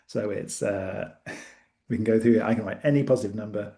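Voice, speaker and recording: A man's voice: on the low side, steady tone, moderate pace, dark tone. A man chatting as a guest, eagerly explaining a maths idea and a tool he built. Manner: enthusiastic, explaining with asides. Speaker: guest, maker of maths web tools. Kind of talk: casual chat.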